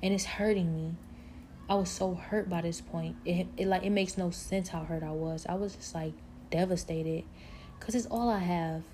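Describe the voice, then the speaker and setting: A woman's voice: fairly low pitch, steady tone, moderate pace, dark tone, a little hiss or hum. A woman telling a personal faith story in an earnest, reflective way, leaning on fillers like "like" and "you know".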